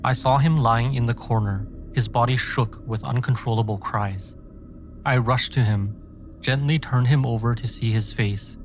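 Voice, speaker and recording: A man reading a scripted scary story in a measured, dramatic first-person manner. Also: mid-range voice, fairly even intonation. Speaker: horror story narrator. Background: background music.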